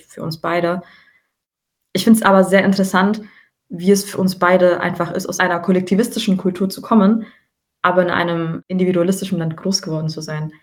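A woman in her twenties co-hosting a podcast, talking in a relaxed, reflective way and explaining ideas at length. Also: on the low side. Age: 20s. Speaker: podcast co-host. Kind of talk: casual podcast conversation.

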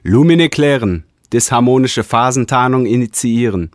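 A man voicing a formal alien expedition leader who gives clipped orders in a raised, louder voice. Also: mid-range voice, moderate pace, no echo, studio quality, voice pushed up, close to an everyday voice. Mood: commanding.

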